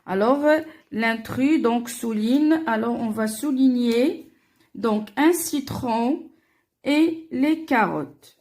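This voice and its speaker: Slow woman teaching French grammar. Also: on the high side, a little mellow. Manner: slow and deliberate, repeats answers, many "alors" and "euh". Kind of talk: worksheet walkthrough for primary pupils.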